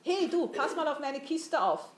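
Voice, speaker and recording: A woman's voice: high voice, expressive, unhurried, very noisy, pitched above the performer's own voice. A woman voicing a rude male ship officer barking orders in a storybook reading. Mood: bossy. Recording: roomy echo.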